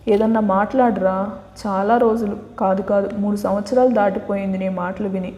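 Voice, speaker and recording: A teasing, affectionate young husband, voiced by a woman storyteller. The tone stays mellow and playful. The voice rings through an echoey room with a long reverb. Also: medium pitch, steady tone, fairly quick, close to an everyday voice.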